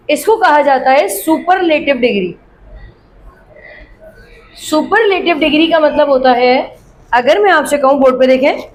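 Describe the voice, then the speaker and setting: A woman teaching English grammar from a worksheet. She reads example sentences slowly and clearly, then explains them quickly, often asking her students questions and answering them herself. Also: sits high, slight background noise, rough recording.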